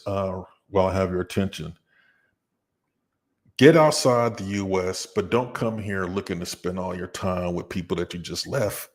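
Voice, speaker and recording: An American man hosting a live Q&A from home, chatting in a relaxed way, laughing often and spelling out names. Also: fairly low pitch. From United States. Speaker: host answering viewer questions. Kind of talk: live Q&A chat. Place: home, near a window in a high-rise.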